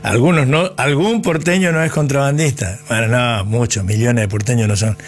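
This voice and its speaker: A man's voice: medium pitch, moderate pace, soft background music. A man, hosting and bantering playfully, joking and repeating words. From Argentina. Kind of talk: casual banter.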